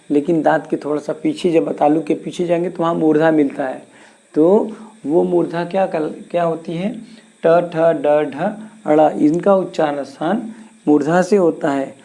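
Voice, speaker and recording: Male hindi teacher going over letters slowly, kinda gravelly dark voice, keeps asking the class stuff. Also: on the high side, fairly even intonation. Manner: slow, repeats sounds and asks the class questions. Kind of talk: classroom lesson.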